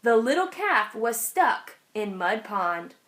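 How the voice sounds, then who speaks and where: Here a woman performs a children's picture book aloud, full of storytelling expression. She speaks slowly, her pitch fairly high.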